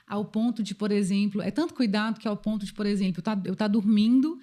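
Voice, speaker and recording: Mellow-voiced woman telling a story. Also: medium pitch, fast. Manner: expressive personal storytelling. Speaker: podcast guest. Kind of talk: casual chat.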